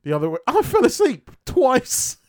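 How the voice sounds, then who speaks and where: A man co-hosting a casual film chat, animated and swearing freely, laughing often. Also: extremely high pitch, normal speed. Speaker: podcast co-host.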